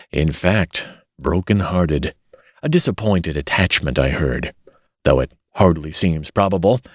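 A man reading an audiobook, voicing a smooth, falsely sympathetic gentleman villain who speaks in a soft, consoling, slyly sneering way. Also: low-pitched, no echo, clean studio sound.

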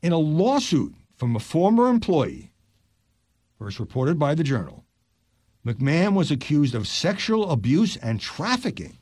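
An older man reads news stories on his podcast, his pitch rising and falling with lively emphasis. He drops his voice low for quick asides. The recording is close and dry, with no room sound. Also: no room sound.

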